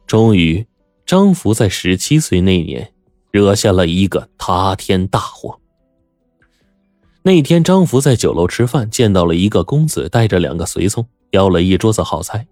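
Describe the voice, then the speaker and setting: A male storyteller with a deep voice tells a folk tale in a lively, colloquial way. The sound is dry and close, with faint music in the background. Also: dry recording. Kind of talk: scripted narration.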